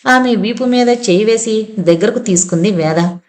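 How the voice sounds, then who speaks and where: A woman's voice: mid-range voice, normal speed, a little mellow. A woman reading a science fiction audio novel aloud as narrator, giving the characters' lines a light change of voice. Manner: reads all characters herself, quoted lines lightly voiced.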